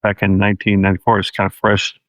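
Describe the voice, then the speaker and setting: A man from Washington State, a documentary filmmaker telling his story in a relaxed, steady interview manner. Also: on the low side, fast talker, no echo, low-quality recording. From Washington State, USA.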